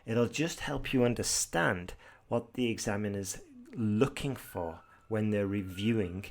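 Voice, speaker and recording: With a British English accent and a fairly low voice, a man runs an exam-prep tutorial on a podcast. His teaching is brisk and direct, though he uses some fillers and restarts.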